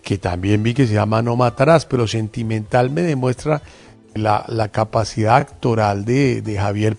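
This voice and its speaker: A man hosting a radio interview, effusive and admiring, speaking haltingly with many fillers. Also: mid-range voice, creaky, darkish tone.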